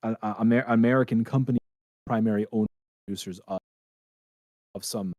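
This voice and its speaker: A man speaking on an online call, rambling with halting restarts while his audio drops out because of a faulty microphone cable. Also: lowish voice, fairly even intonation, dark tone, no room sound, clean studio sound. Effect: audio dropping out from a faulty microphone cable. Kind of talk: casual academic discussion. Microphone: wired microphone on an internet call.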